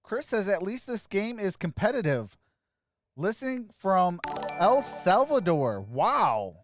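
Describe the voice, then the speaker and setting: A man hosting a sports live stream, casually greeting viewers by name and giving shout-outs as he reads their comments. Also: high voice, big pitch swings, takes it slowly, dry recording, faint music behind.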